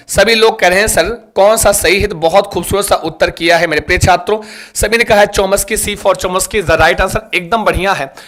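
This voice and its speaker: A man with a high, pushed, bright voice leads a live online exam-prep class. He quizzes his students and coaxes them again and again to like and share, sounding repetitive.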